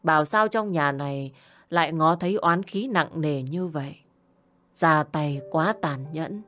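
A woman voicing an older male Buddhist monk who speaks slowly and solemnly. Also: sits low, fairly bright tone. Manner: slow, solemn pronouncements.

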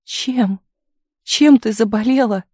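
Reader playing a tearful excitable young actress, high breathless exclamations, dry recording. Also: normal speed, no echo, natural voice.

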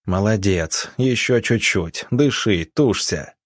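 A man's voice: lowish voice, lively intonation, slow pace, dry recording, studio quality. A man doing a firm, terse field doctor. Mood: commanding. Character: calm authoritative field doctor, middle-aged man.

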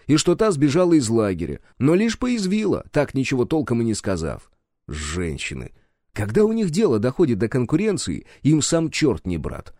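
A man's voice: medium pitch, mellow, dry recording, studio quality. A man narrating a first-person audiobook in a wry, sardonic storytelling manner.

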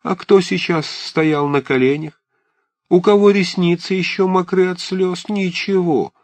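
A man's voice: high-pitched, steady tone, a little slow, darkish tone, no room sound, pitched above the performer's own voice. Man voicing a fussy, blunt old auntie. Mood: agitated. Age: older. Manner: agitated, scolding, emphatic. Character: fussy, blunt elderly aunt, warm-hearted. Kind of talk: audiobook character reading.

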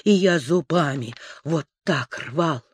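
A reader voicing a terrified young soldier who has lost his mind, shouting in broken, frantic outbursts. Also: medium pitch, takes it slowly, slightly rough, no room sound, clean studio sound. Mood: horrified. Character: raving, terrified young male soldier gone mad. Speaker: imprisoned musketeer.

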